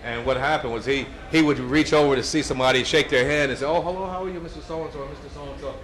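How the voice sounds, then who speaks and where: A man's voice: on the high side, steady tone, fast, a bit bright. A man in his seventies giving a storytelling speech at a brunch event, anecdotal and chuckling, with many restarts. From United States. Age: 70s.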